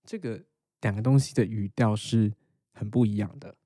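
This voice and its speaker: A man's voice: fairly low pitch, fairly even intonation, moderate pace, warm tone, no room sound. A young man with a Taiwanese Mandarin accent who hosts a podcast, casually and patiently explaining how he learns English. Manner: explains patiently, then reads English lines aloud as a shadowing drill. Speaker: podcast host.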